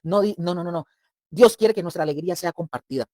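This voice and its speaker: A man's voice: high voice, quick pace, mellow, no echo. Emphatic male preacher teaching scripture. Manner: emphatic and explanatory, addresses listeners as brothers, acts out everyday examples. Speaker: preacher teaching a Bible study. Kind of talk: sermon-style Bible teaching.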